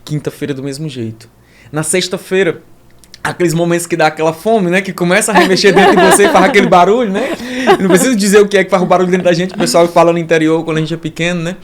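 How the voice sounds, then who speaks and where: A man who is a podcast guest, telling his own story in an animated way, full of asides and tag questions. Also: high voice, fast. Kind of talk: personal storytelling in an interview.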